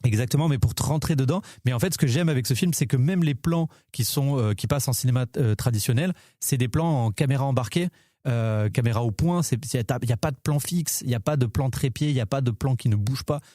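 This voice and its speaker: A man's voice: mid-range voice, brisk, dark tone, dry recording, clean studio sound. A man co-hosting a casual film podcast, talking enthusiastically with lots of fillers and restarts. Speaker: podcast co-host.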